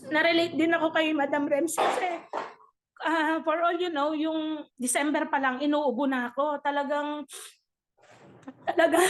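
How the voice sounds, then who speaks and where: A woman's voice: sits high, slight background noise. A middle-aged woman sharing her church testimony in a chatty way, laughing often and mixing in English.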